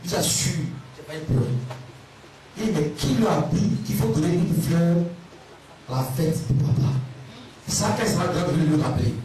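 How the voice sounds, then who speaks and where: A man's voice: a little high, expressive, normal speed, dark tone. A middle-aged male pastor preaching emphatically, firing questions at the congregation and sometimes slipping into a sing-song delivery. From Ivory Coast. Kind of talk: sermon. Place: large church hall. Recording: echoey, distant church sound with music. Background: music.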